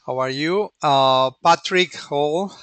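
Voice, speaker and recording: Hesitant male instructor, bright voice. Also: fairly high pitch, smooth, no room sound. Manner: hesitant, many pauses and restarts. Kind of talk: online lecture.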